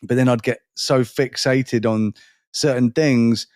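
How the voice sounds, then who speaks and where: A man's voice: medium pitch, steady tone, takes it slowly, darkish tone, no echo, clean studio sound. A middle-aged man with a London and Surrey accent, hosting a podcast in casual, rambling, self-deprecating chat. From England. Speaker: podcast host.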